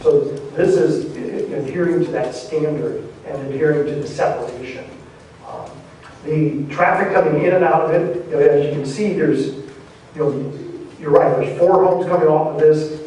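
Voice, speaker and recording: A man presents a housing development at a public meeting, explaining patiently and often hedging with "kind of." His voice is a little high and mellow. He is recorded from far off in an echoey hall, with faint noise.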